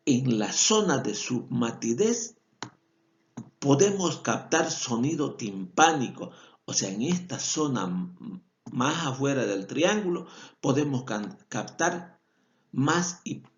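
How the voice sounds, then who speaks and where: A man's voice: medium pitch, muffled recording. A man with a Bolivian Spanish accent gives a veterinary lecture, explaining step by step and often repeating and correcting himself. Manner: explanatory, repeats key points, self-corrects. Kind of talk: recorded lecture over slides.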